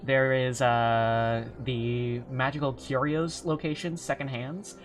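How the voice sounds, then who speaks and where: A man's voice: mid-range voice, level tone, slow, slight background noise. A man running a tabletop game as game master, narrating off the cuff in an informal, sweary way.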